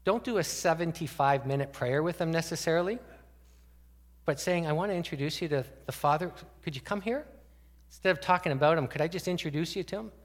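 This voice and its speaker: A man's voice: a little high, a little fast, in a large hall. A man preaching a conversational sermon as a pastor, asking the congregation many rhetorical questions. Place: church sanctuary.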